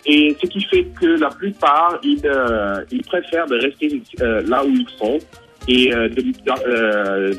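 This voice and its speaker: A man from Senegal with a slight Brazilian accent, calling into a radio show over a lagging long-distance phone line and speaking hesitantly with many pauses and fillers. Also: mid-range voice, animated, a bit bright, soft background music. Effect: delayed long-distance phone line. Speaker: caller.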